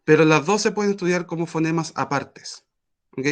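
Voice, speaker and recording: A man teaching an online language class, explaining patiently with frequent pauses and fillers. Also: a little high.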